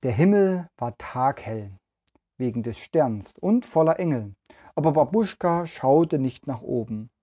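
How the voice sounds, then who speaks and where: Guy reading a bedtime-style story for kids, slow and mellow, gentle. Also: mid-range voice, lively intonation. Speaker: children's podcast host and storyteller. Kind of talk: storybook read-aloud.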